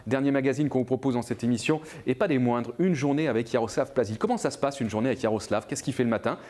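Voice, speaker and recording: A male presenter hosts a football talk show from a studio set. He talks quickly with upbeat presenter energy, and his voice sits at an ordinary pitch. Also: darkish tone. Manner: brisk, upbeat presenter delivery. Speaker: host.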